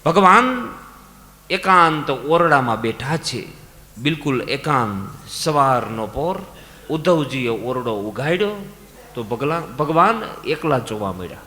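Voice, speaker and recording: A man with a Gujarati accent preaching a devotional sermon, telling sacred stories with dramatic swings between loud calls and soft low lines. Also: expressive, a little slow. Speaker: katha preacher. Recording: long reverb, music behind, live event. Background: musical instruments.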